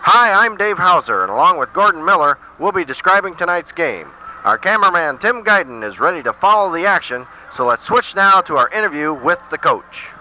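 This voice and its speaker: A man's voice: high-pitched, very animated, a little fast, pushed and bright. A man working as a sports broadcaster, introducing a game and interviewing, recorded on worn old amateur videotape. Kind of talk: play-by-play pregame introduction and interview. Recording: noisy worn 1980s amateur tape.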